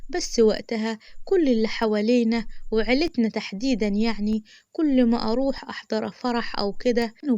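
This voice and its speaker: A woman's voice: on the high side, a little mellow, no room sound, muffled recording. A woman with an Egyptian accent narrating a first-person story in a chatty, confiding way, talking straight to her listeners.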